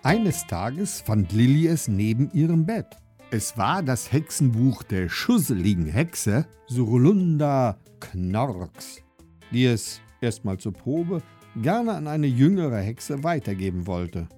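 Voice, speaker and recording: A man narrating a children's story in a playful, dramatic storytelling manner with sudden slowdowns. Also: medium pitch, sing-song, mellow, faint music behind. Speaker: audiobook narrator.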